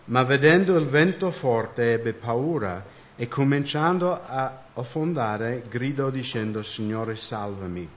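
Brief: male church interpreter, steady reader, occasional self-corrections, lo-fi sound. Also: mid-range voice. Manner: reads steadily, with small slips and self-corrections. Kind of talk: interpreting a sermon and reading scripture.

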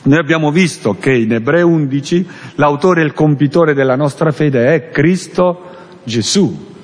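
A man preaching a sermon with earnest, rising and falling emphasis, pausing to search for a verse aloud. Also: on the high side. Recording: long hall reverb.

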